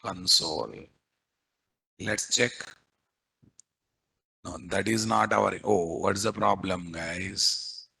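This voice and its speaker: Taking it slowly with long pauses, a Telugu-accented programming instructor leads a live coding session, repeating points and quizzing students again and again. His low-pitched voice is steady yet pushed and bright, husky with vocal fry.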